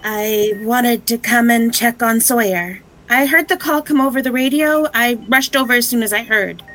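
An actress playing a gentle, concerned hospital visitor in an audio drama, sympathetic and hesitant. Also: female voice, on the high side, normal speed, natural voice, rough recording.

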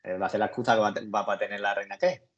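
A man's voice: on the low side, fairly even intonation, very fast, a little hiss or hum. A man with a Spain Spanish accent chatting casually as a podcast co-host, rambling through scenes in colloquial slang. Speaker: podcast co-host discussing a series. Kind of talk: casual chat. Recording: muffled lo-fi recording.

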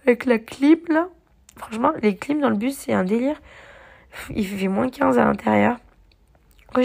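A woman's voice: a little high, creaky. A young woman vlogging her travel day in a casual, rambling way, full of fillers and restarts, with a slight cough from being a bit sick. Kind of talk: casual travel diary vlog.

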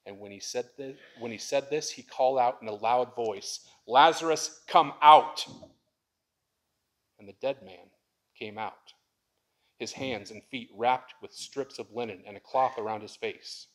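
A man pastor preaching a sermon in a conversational way, rising to loud, impassioned lines when reading scripture and pleading. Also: on the low side, steady tone, normal speed.

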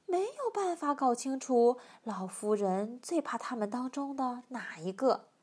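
A woman reading a children's picture book aloud in a lively, expressive storyteller manner. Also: fairly high pitch, unhurried, breathy edge.

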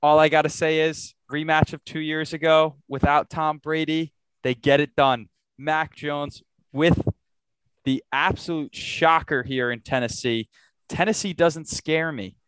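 A man hosting a sports talk podcast. His voice is smooth and resonant, recorded close and dry, and he makes his picks briskly and without doubt. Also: a little high, little pitch movement, a bit bright, dry recording. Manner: confident, quick to make picks. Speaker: podcast host.

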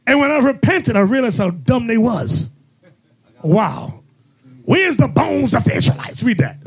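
A man acting as bishop and host, preaching in a fiery way, mocking and often shouting. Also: very high-pitched, big pitch swings, a little slow, breathy edge.

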